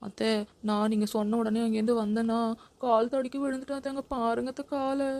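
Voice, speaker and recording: A woman's voice: on the high side, flat delivery, a little fast, darkish tone, natural voice. A woman playing a whiny scheming wife. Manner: whiny, theatrical. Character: lazy, scheming young wife faking tears. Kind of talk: comedy sketch acting.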